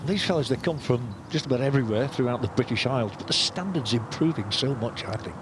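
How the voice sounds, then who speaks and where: A man's voice: medium pitch, expressive, quick pace, noisy background. A man presenting as lead golf commentator, conversational and inclined to put questions to his colleagues.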